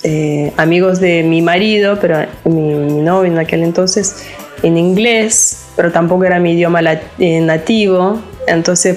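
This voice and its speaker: This Lithuanian woman, a psychologist, speaks with a Lithuanian accent in a casual interview. Her voice sits fairly low, and she halts often, hunting for words and restarting her sentences.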